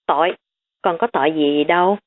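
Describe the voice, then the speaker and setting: A woman's voice: low-pitched, moderate pace, close to an everyday voice. A woman voicing a carefree, joking young man from a wealthy family. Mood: playful. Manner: breezy, joking. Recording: tinny phone-like recording.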